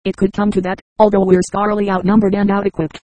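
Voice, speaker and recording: Brief: narrator doing an earnest teen boy schemer in an audiobook, measured and level. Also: high voice, completely flat delivery, a little mellow, lo-fi sound, natural voice. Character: earnest teenage boy plotting a rebellion.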